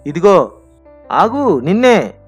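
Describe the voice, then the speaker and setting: A man's voice: sits high, animated, moderate pace, soft background music, pitched above the performer's own voice. A man voicing a pushy young man who keeps coaxing and insisting.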